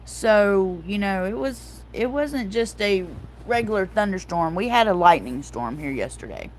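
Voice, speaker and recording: Middle-aged woman chatting on her stream, animated storyteller, says y'all a lot. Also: mid-range voice, unhurried, a little hiss or hum. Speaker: livestream host. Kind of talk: casual livestream chat.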